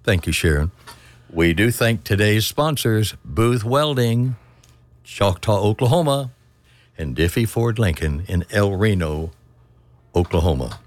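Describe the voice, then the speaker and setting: An older man preaching on a church radio program, reading scripture in a folksy, halting way and correcting himself as he goes. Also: on the low side, lively intonation.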